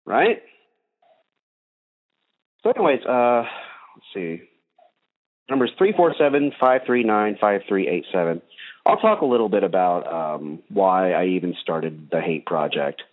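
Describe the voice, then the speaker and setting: A man hosting a call-in show over the phone, talking in a casual, rambling way with many ums and uhs. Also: mid-range voice. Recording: tinny phone line.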